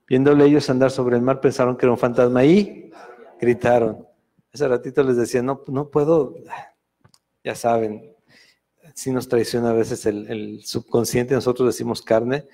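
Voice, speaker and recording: A Mexican pastor leads a Sunday Bible study, speaking Spanish in a relaxed conversational way. He often pauses on fillers and corrects himself as he goes. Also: medium pitch. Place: church meeting room.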